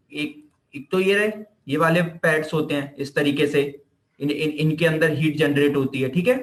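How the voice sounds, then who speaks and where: A slightly bright, high-leaning male voice with an Indian accent belongs to a physiotherapy teacher giving a casual explanatory lecture. He mixes English terms into Hindi, goes over points more than once, and answers his own questions, all in an echoey room.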